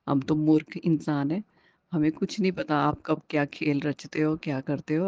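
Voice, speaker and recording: A woman's voice: deep voice, darkish tone, dry recording. A woman sharing a personal devotional testimony in a chatty way, acting out the dialogue she quotes and often restarting her sentences. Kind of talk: casual devotional storytelling. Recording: dull lo-fi home recording.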